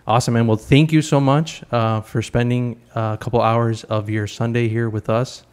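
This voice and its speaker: Speaking at a moderate pace, this thirtysomething podcast host chats casually with a guest from home. His medium-pitched voice is darkish and clean with fairly even intonation, and his eager, friendly questions often come out with stumbles and repeated words.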